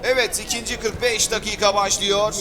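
High-pitched, excitable male football commentator. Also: normal speed, a crowd in the background. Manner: shouts and screams at goals and chances.

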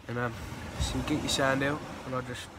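A young male angler with a bunged-up nose, calmly explaining how he baits a hook on a beach at night. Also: mid-range voice, brisk. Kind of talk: casual how-to demonstration. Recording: noisy outdoor night beach.

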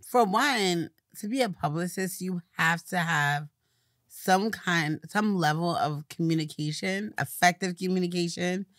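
A woman with a light lisp, speaking as a publicist guest in a relaxed, casual interview conversation. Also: fairly low pitch, a little slow, no echo, studio quality. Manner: relaxed, conversational, fillers like "you know".

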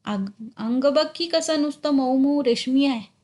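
A woman's voice: high-pitched, unhurried, a little mellow. A woman voicing a young village boy who admires a calf in a read-aloud story. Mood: admiring.

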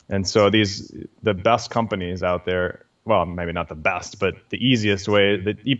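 A man's voice: on the low side, muffled recording. A man, a scientist guest, explaining things patiently in an interview with many fillers.

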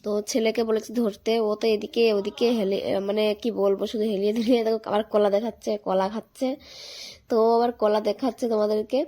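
A young woman with a hoarse, cracking voice, chatting casually and rambling as she narrates her home vlog. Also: mid-range voice, fairly even intonation, fast, warm tone. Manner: chatty, rambling, many fillers. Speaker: vlogger. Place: voice-over recorded later at home.

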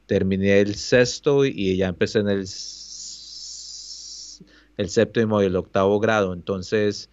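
Low male co-host from Colombia, hesitant and reflective, on a dry, dull-sounding mic. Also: steady tone, slow pace, darkish tone, no echo. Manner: thoughtful, hesitant, many fillers. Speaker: podcast co-host. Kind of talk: casual chat.

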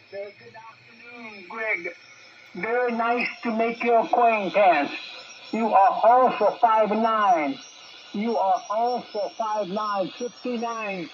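A man on a ham radio contact, heard through a shortwave receiver, spelling call signs in the phonetic alphabet. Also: very high-pitched. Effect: heard over a shortwave radio receiver. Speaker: amateur radio operator. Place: station near Tokyo. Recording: muffled, noisy radio signal.

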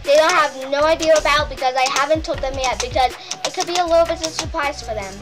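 A woman's voice: high voice, fast. A young girl hosting a gaming vlog, chatty and nervous, often repeating herself. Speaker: channel host. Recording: game music playing loudly underneath. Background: game music.

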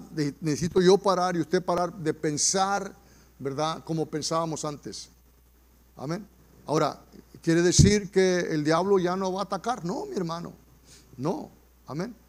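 A male pastor preaching a sermon, repeating his points and letting his voice sink low on each "mi hermano", with English fillers slipped into his Spanish. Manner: repetitive, drops voice to a murmur on "mi hermano".

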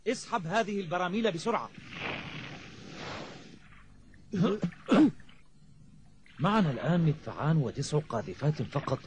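A man's voice: on the high side, husky. A man voicing a brave, pious ship captain in a cartoon, speaking formally with earnest command. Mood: resolute. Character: brave, pious, resolute adult male ship captain hero. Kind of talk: cartoon voice acting. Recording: dull, slightly noisy old cartoon soundtrack.

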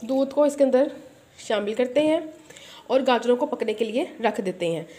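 Standing at her stove, this home cooking channel host walks viewers through a recipe step by step, talking to them directly in a chatty way and often slipping in a pious phrase. Her fairly high voice is animated, at a normal speed, in an echoey kitchen full of loud sizzling and clanking pans.

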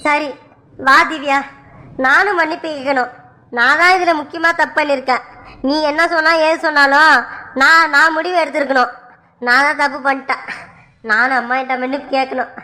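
An earnest, regretful family member in a village family cartoon, voiced by a woman. The voice is high and bright, and the delivery is heartfelt. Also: steady tone, moderate pace, pauses often. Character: regretful family member consoling a tearful wife. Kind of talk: Tamil family cartoon voice acting.

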